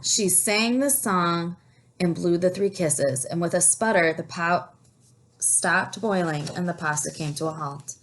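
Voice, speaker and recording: A woman reads a picture book aloud with expressive storytelling, pausing to ask young listeners questions and explain things. Her pitch is fairly low and her pace unhurried.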